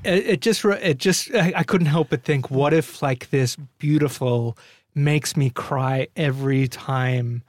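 A man's voice: fairly high pitch, measured pace, no room sound, clean studio sound. A man co-hosting a casual film-review podcast, rambling and laughing often, with the odd swear word. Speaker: podcast co-host.

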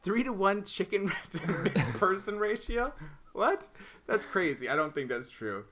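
A man's voice: sits high, lively intonation, unhurried, noisy background. A man co-hosting a casual podcast, playful and teasing, laughing often as he quizzes his brothers. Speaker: podcast co-host. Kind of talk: casual chat.

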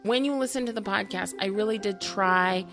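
A woman co-hosting a podcast, chatting and teasing casually, with a voice that is scratchy and hoarse. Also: medium pitch, normal speed, over music. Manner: chatty, teasing, self-deprecating. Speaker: podcast co-host.

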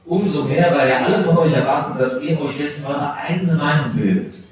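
A man's voice: on the high side, brisk, a little hiss or hum. A middle-aged man preaching a confirmation sermon, speaking personally and directly to teenagers. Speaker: pastor. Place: church. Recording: echoey church recorded from a distance.

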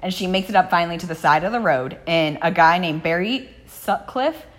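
Low-voiced woman telling a true crime story. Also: expressive, fairly quick. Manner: casual, blunt, swears often. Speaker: podcast host. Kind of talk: true crime podcast narration.

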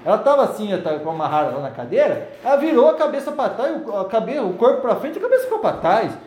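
A man's voice: sits high, very animated, quick pace, a little mellow, reverberant, slight background noise. A man preaching a sermon and telling his own story, acting out the voices of demons and people. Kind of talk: sermon testimony.

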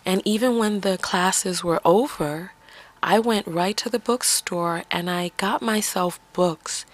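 Podcast host from the Bronx with a faint New York accent: a woman with a lowish voice who asks earnest, coaching questions. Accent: slight New York. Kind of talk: reflective solo monologue.

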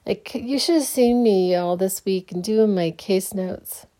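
A woman's voice: mid-range voice, unhurried, dark tone. A young adult woman, a counselor, chatting casually late at night, sleepy and rambling with lots of fillers and restarts. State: sleepy, yawning. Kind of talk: casual personal vlog.

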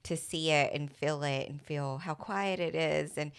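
A woman's voice: deep voice, fairly even intonation, unhurried, smooth. A woman co-hosting a casual podcast, upbeat and promotional. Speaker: podcast co-host. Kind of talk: casual chat.

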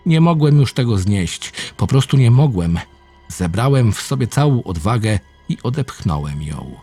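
A man reading a first-person horror story aloud, low and intense with dramatic swings. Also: mellow, breathy edge. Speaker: narrator. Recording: faint music behind the voice.

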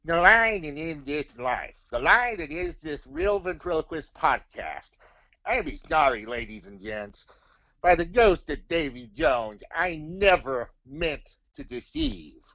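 A man's voice: a little high, very animated, takes it slowly, creaky, bright, forceful tone, dry recording, lo-fi sound, full character voice. A man voicing a gloomy pirate puppet with stock pirate dialect and old-fashioned grammar in a comic ventriloquist skit. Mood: regretful. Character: gloomy pirate puppet, confessing with weary regret.

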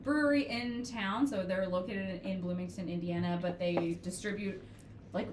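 A woman's voice: mid-range voice, fairly even intonation, normal speed, slight background noise. A young adult woman co-hosting a podcast, explaining things in an easygoing way with plenty of fillers. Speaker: podcast co-host. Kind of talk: casual chat. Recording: echoey room.

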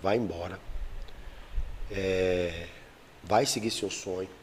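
A man voicing his sick, aging adoptive father, speaking quietly and pleadingly. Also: fairly low pitch, fast, long reverb tail, slight background noise, pitched below the performer's own voice, natural voice. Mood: remorseful, quiet.

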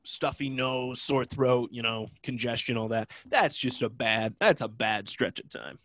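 With a cold clogging his nose, an Ohio podcast co-host in his youth sounds stuffy and nasal as he jokes and rambles through casual chat. His mid-range voice is a bit bright, his pace measured, and there is no room sound.

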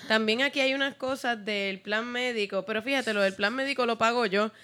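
Bright-voiced Puerto Rican woman, rambling. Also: on the high side, a little fast. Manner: rambling, self-mocking, acts out her own thoughts. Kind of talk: casual chat.

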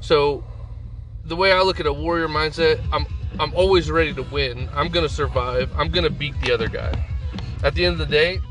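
A man's voice: on the high side, a little fast, a bit bright, faint music behind, rough recording. A man hosting a podcast, talking casually and working loosely from his notes. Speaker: podcast host.

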